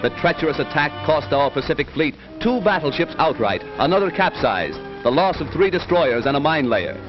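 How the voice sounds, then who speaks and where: Newsreel announcer, male, rousing declamatory read, fairly high voice, dull old film sound with music under it. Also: very animated, a little fast. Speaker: newsreel narrator. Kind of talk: dramatic 1940s newsreel narration.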